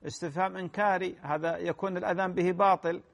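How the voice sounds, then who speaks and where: A man answering listeners' religious questions in a measured lecturing manner, often repeating key phrases and clearing his throat. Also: high-pitched, steady tone. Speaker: Islamic scholar answering questions.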